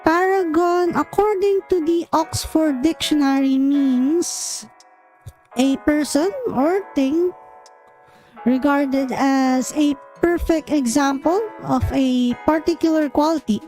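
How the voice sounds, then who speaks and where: High squeaky penguin girl voice off a voice changer, a streamer puts her on, slow and soft, chatting to viewers. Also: faint music behind, poor audio. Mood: cheerful. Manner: chatty, giggly, talks straight to chat. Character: cute young female penguin VTuber persona. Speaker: VTuber streamer. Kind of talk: debut stream self-introduction.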